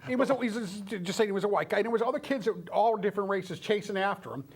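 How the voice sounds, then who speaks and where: A man co-hosting a local talk show, chatting casually and telling a story in lively detail. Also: sits high, fast, slightly rough. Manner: animated storyteller, banters and retells events. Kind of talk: casual chat.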